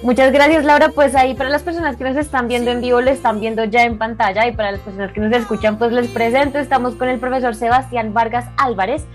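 A woman panelist introduces a guest quickly in a fairly high voice. Her delivery is upbeat, with faint music behind it. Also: steady tone. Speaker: radio panelist. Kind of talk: radio introduction.

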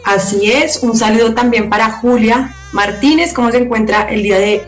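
A woman hosts a radio program in a fairly high voice. She announces in a formal, measured way over faint background music. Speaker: radio show host. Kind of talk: scripted radio hosting.

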